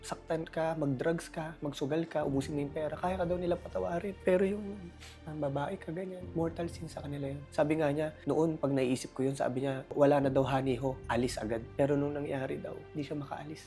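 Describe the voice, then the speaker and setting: A man's voice: on the high side, steady tone, fairly quick, dark tone, soft background music. A man as an interview guest, speaking earnestly and openly in an emotional confessional interview. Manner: earnest, confessional, pours out feelings.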